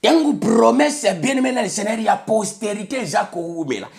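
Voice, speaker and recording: Over crowd noise, a man from Congo preaches emphatically in Congolese-accented French mixed with Lingala, returning over and over to "bien aimé le Seigneur." His high, gravelly voice swings widely in pitch, and he talks briskly.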